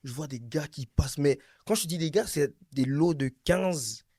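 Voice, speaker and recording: A wild story comes from a young man from Brussels in a casual chat, told at a moderate pace in a voice pitched a little high. He's lively and slangy, repeating points for emphasis. The audio is close and dry, with no echo.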